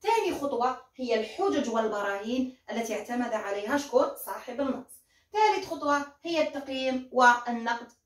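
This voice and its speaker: A woman's voice: high voice, a bit bright. A woman teacher with an Algerian Arabic accent explains a philosophy lesson step by step, repeating points and asking herself questions before answering them. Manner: repeats steps, asks and answers own questions. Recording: echoey room, voice from a distance.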